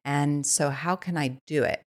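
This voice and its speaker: On a podcast as a guest, a Swiss woman eagerly recounts stories in a relaxed, conversational style, using "like" again and again. She speaks with a low voice, fairly even intonation and a measured pace.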